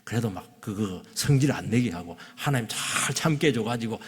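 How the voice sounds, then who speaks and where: A man preaching a sermon as pastor in a church, swinging between loud exclamations and hushed asides. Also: fairly low pitch, animated, moderate pace, husky. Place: church sanctuary. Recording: long reverb of a church hall.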